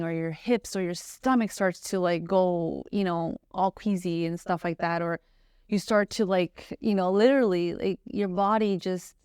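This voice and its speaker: A woman's voice: on the low side, darkish tone, smooth, dry recording, clean studio sound. A woman guest on a podcast, earnestly telling a personal story with lots of "like" and "you know". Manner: earnest, searching, heavy use of "like" and "you know".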